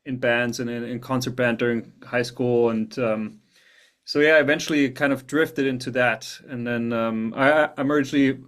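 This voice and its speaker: A man from Germany speaks in a steady, flat tone with little rise and fall. He is a composer talking about his craft in an interview and often repeats words while he gathers his thoughts. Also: mid-range voice, moderate pace. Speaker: film composer. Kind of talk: interview answers.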